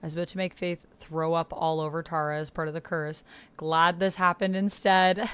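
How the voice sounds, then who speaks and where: Against steady background noise and keyboard clatter, a woman casually talks her way through a text-based online roleplaying game, reading typed chat aloud and remarking on it. Her fairly low voice is clear and resonant, at a moderate pace.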